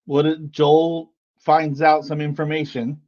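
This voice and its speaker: A man's voice: fairly high pitch, flat delivery, a little slow, a little mellow, soft background music. Guy on a podcast ribbing his partner, kinda dull lo-fi sound. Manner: teasing, argumentative. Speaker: podcast co-host. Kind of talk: casual chat.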